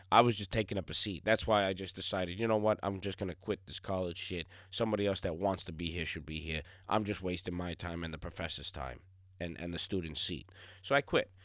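A young man with a low, slightly hoarse voice talks bluntly and casually on his solo podcast, swearing often and leaning on filler words. The recording is dry and close, with no room sound. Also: fairly bright tone, no echo. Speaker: podcast host.

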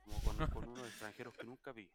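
A man's voice: medium pitch, fast talker. A young man with a Chilean accent, hosting a casual podcast and telling a party story with lots of slang. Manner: animated storytelling, heavy slang. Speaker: podcast host. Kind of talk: casual chat.

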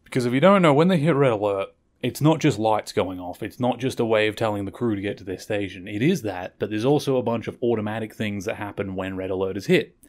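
A man's voice: on the low side, fast talker, darkish tone. A man hosting a podcast, recapping an episode in a rambling, chatty way and often correcting himself. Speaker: podcast host.

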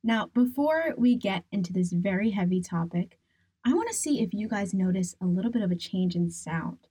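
Female podcast host, mellow and smooth, dry close studio sound, earnest explainer delivery. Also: mid-range voice, animated, moderate pace, no room sound. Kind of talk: scripted solo podcast talk.

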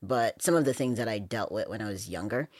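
A woman's voice: rumbling low, lively intonation, brisk, darkish tone, dry recording, studio quality. A woman in her thirties with a Jamaican accent, a podcast guest speaking frankly and emphatically with many fillers. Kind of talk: casual interview chat.

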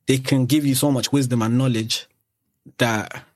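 A man's voice: mid-range voice, steady tone, moderate pace, dry recording. A young man from Eritrea and Sudan, telling rambling anecdotes in casual chat with many restarts. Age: young adult. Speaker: podcast guest.

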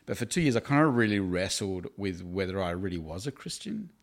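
A very low-voiced Australian man from Tasmania, in his forties, talks with a gravelly edge. He tells stories from his own life as an interview guest in a chatty, self-deprecating way, laughing as he goes. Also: very animated, brisk. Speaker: campus ministry worker, guest. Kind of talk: casual interview storytelling.

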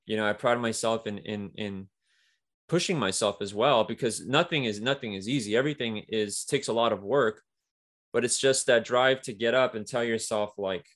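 A man's voice: lowish voice, normal speed, a bit bright. A man guesting on an interview, talking about his work as a comic writer in a casual, rambling way with many fillers. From Mexico–US border region.

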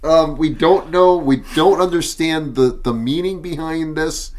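A man co-hosting a podcast, chatting about a film in a hesitant, halting way and repeating his words. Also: on the high side, a little mellow. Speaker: podcast co-host. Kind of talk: casual chat reviewing a film.

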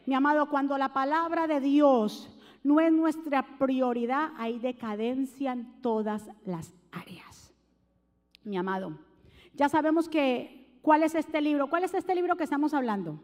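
A woman preacher, delivering an impassioned sermon that swings between shouting and low murmurs. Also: lively intonation, unhurried, big-room sound. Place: church hall.

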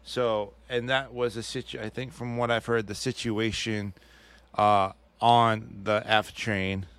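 A man co-hosts a podcast in a casual studio chat, his voice lowish and fairly bright with no echo. He talks hesitantly, restarting often and hedging his opinions.

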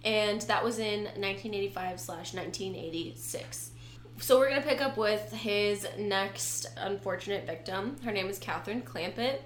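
A woman's voice: medium pitch, moderate pace. A young woman co-hosting a casual true-crime podcast, telling the story conversationally with slangy asides. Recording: roomy echo, faint background noise.

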